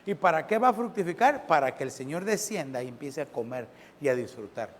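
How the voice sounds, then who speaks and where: A pastor preaching a sermon. He keeps asking the congregation questions and swings between loud and soft. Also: a little high, lively intonation, fairly quick, long reverb tail, a little hiss or hum.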